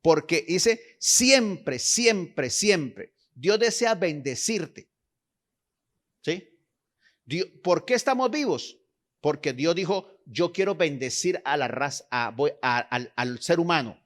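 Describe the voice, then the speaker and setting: A man's voice: on the high side, lively intonation, takes it slowly, fairly bright tone. A man preaching a sermon, exhorting his listeners, repeating phrases and checking in with them, and reading scripture aloud with emphasis.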